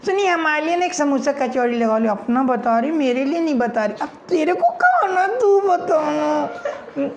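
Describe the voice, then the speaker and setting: A man's voice: sing-song, vocal fry, background noise, exaggerated voice. A male comedian mimicking chatty young women friends gossiping at a street snack stall, in a stand-up act. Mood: bickering. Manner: high-pitched, gossipy, fast back-and-forth chatter. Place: comedy stage before a live audience.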